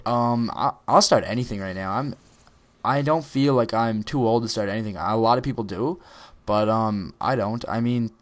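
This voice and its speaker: A teenage gaming creator talks over gameplay footage, offering casual, meandering motivation in a lowish voice at normal speed. He says "um" a lot and frequently starts sentences over.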